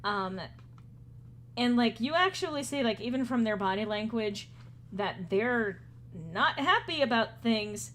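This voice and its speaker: A woman narrating a tabletop game as game master, relaxed and chatty, often laughing. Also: fairly high pitch, unhurried, slight background noise.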